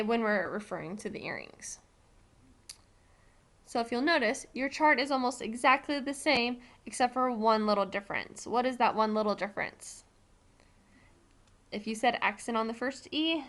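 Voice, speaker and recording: A woman's voice: on the high side, fairly bright tone. An American woman Spanish teacher giving a recorded classroom lesson, explaining patiently step by step with frequent ums.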